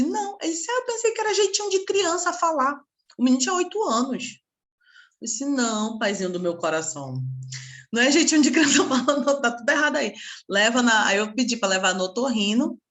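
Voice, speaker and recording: A woman teaching a casual online class, a lively storyteller who acts out her conversations with parents. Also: mid-range voice. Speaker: psychopedagogy teacher.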